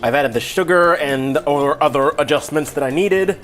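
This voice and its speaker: A man's voice: a little high, normal speed, a bit bright. A man hosting a casual, comedic cooking lesson in a loose, rambling drunk manner, irreverent and a little profane. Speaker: cooking video host. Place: home kitchen.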